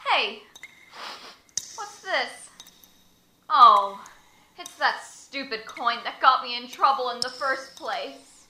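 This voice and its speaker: A scrappy, mistreated orphan boy, played by a woman, whiny and excitable in a high, bright voice. He talks slowly, and the recording sounds echoey, as in a radio play. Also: a little hiss or hum, full character voice. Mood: exasperated. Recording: echoey room.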